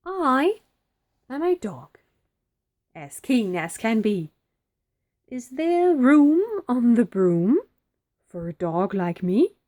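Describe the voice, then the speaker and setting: A woman's voice: fairly high pitch, big pitch swings, takes it slowly, pauses often, voice pushed up. A woman voicing an eager storybook dog. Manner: eager, bright and upbeat. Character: eager, keen male dog. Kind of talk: storybook reading.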